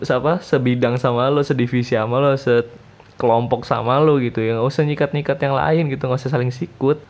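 Young indonesian guy, rambling opinionated talk, mid-pitched voice. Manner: chatty, opinionated, slangy with many fillers. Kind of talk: casual monologue.

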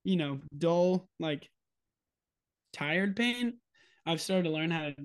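A young man co-hosting a podcast in relaxed casual chat, talking with many fillers and laughing easily. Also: on the high side, slow, clear, resonant tone. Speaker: podcast co-host.

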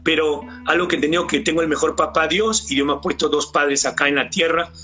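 A man's voice: on the high side, steady tone, fast. A middle-aged man with a Peruvian Spanish accent giving an earnest faith testimony as a church cell leader, often addressing his pastor. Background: soft guitar music.

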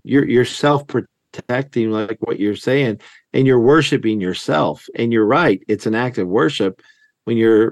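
A man hosting a podcast, talking casually, and telling stories with animated quoted lines. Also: medium pitch, no room sound, clean studio sound. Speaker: podcast host. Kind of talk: casual conversational discussion.

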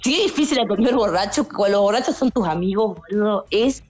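A young woman who is a stand-up comic appears as a guest on a casual podcast, telling funny stories at a fast clip with faint music behind her. She's animated and acts out customers in high, shouted voices.

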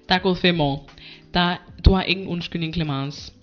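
A woman hosting a podcast in casual chat, animated and laughing often, switching between English and Danish. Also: fairly low pitch, moderate pace, faint music behind. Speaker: podcast host. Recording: dull lo-fi podcast audio.

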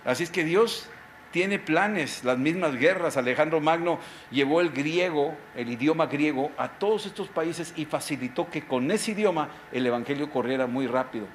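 Middle-aged preacher, slightly high voice, emphatic sermon full of rhetorical questions, faint background noise. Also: male voice, animated, normal speed. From Mexico. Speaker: pastor.

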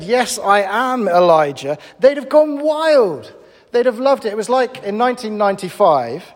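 A man preaching a sermon in an animated, conversational and emphatic way. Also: high voice, in a large hall.

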